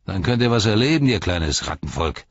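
A man's voice: low voice, sing-song, brisk, breathy edge, muffled recording, voice pushed up, heavily acted. A man doing a sneering brutish ruffian. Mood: menacing. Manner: menacing, mocking. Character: large brutish human ruffian, sneering bully.

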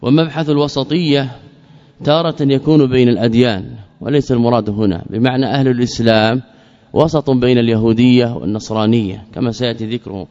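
A man teaching an Islamic creed text as a lesson, measured, often repeating key phrases and asking questions he then answers himself. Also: mid-range voice, darkish tone. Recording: dull lo-fi recording with long reverb.

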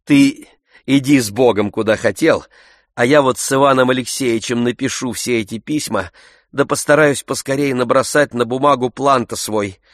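A man voicing a mild, weary middle-aged gentleman who brushes others off, in an audiobook. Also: medium pitch, moderate pace, no echo, studio quality, pitched above the performer's own voice, lightly acted.

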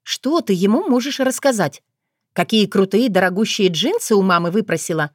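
A woman's voice: medium pitch, expressive, normal speed, no room sound, clean studio sound, natural voice. Woman reading a blunt, teasing older sister. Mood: lecturing. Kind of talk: audiobook character voice.

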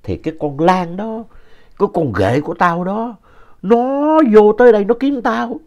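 A man's voice: high voice, animated, moderate pace, darkish tone, voice pushed up. Male narrator doing a cool, matter-of-fact killer, southern Vietnamese, dull recording. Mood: eerie. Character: calm, unafraid middle-aged killer. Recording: dull lo-fi audio.

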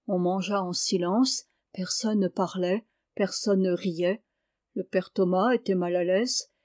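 Woman audiobook reader, calm, dry close sound. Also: lowish voice, measured pace, no echo. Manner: calm, names each speaker before lines. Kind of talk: audiobook reading of a classic novel.

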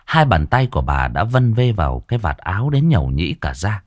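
Man, ghost story narrator, lively expressive pitch, middle voice, dry close recording. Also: brisk, no echo.

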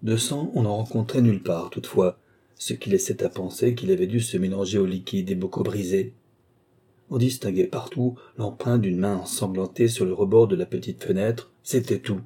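A man reading a period detective story aloud in measured, even narration. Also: lowish voice, slightly rough. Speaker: audiobook narrator.

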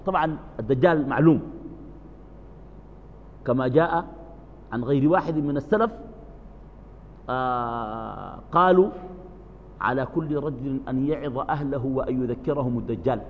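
A man preaching in Sudanese Arabic, asking his listeners questions and answering them himself, calm one moment and suddenly loud and emphatic the next. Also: mid-range voice, moderate pace, long pauses, long reverb tail, phone-quality sound, a little hiss or hum. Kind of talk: religious lesson.

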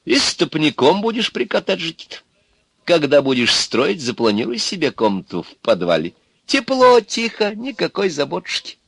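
A sly, hoarse old storybook witch, put on by a male reader, wheedling in a high, lively voice. She coaxes and then shrieks orders. The sound is dry and close. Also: moderate pace, no room sound, full character voice. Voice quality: hoarse laugh. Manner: coaxing, then shrill and shouting. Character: scheming old witch woman, wheedling and cruel. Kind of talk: audiobook character voice.

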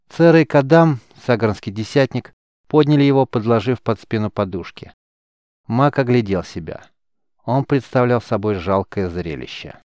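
A man narrating an audiobook in a steady, expressive reading style. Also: lowish voice, clean tone, no room sound, clean studio sound. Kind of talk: scripted narration.

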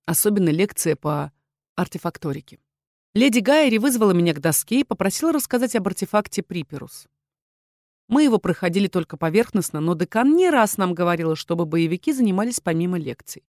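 A woman reading a first-person fantasy audiobook in an even, measured storytelling manner, on a close studio mic. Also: fairly low pitch, dry recording. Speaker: audiobook narrator.

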